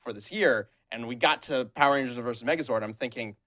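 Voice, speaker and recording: A man's voice: mid-range voice, a bit bright. A man hosting a casual show, chatting loosely with co-hosts and laughing often between thoughts. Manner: laughs often, quick restarts. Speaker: host. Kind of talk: casual podcast chat.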